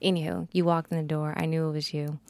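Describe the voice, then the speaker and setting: Woman, thirties, from Kansas City, gravelly, chatty, casual. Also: low-pitched, flat delivery, fast, mellow. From Kansas City, Missouri. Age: 30s. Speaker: interviewer. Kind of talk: casual conversation.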